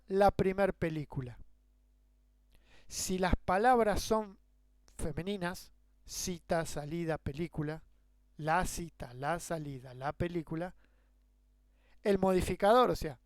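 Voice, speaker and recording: In an echo-free recording, a high-voiced male teacher with a Rioplatense Spanish accent delivers a grammar lecture. He explains using rhetorical questions and worked examples.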